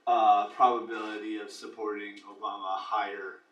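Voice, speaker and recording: A man's voice: lowish voice, little pitch movement, moderate pace, fairly bright tone, distant mic, muffled recording. A man giving a statistics class lecture, explaining step by step with dry asides. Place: lecture hall. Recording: echoey classroom recorded from afar.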